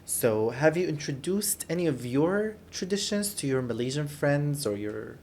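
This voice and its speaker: A man hosting a podcast, putting friendly questions to a guest in a relaxed interview. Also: a little high, moderate pace. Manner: friendly, question-led, occasional restarts. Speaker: podcast host. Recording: faint background noise in a studio.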